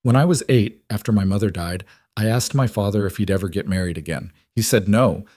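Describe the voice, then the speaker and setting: A man's voice: on the low side, darkish tone, no echo, clean studio sound. A man voicing a guarded young businesswoman, pleading and unsteady, in a storybook narration.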